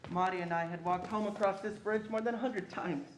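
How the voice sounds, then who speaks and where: A student performer with a medium-pitched, steady voice speaks fairly quickly in a lightly acted way. In a readers theatre narration, they play a protective older brother solemnly remembering his childhood. The room is echoey, with faint background noise.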